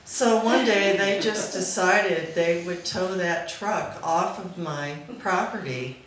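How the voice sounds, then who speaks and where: A woman with a lowish, slightly bright voice speaks slowly at a memorial, sharing a casual story with frequent laughter and clear amusement. The setting is a back room at a live gathering, captured in a very echoey space with faint noise.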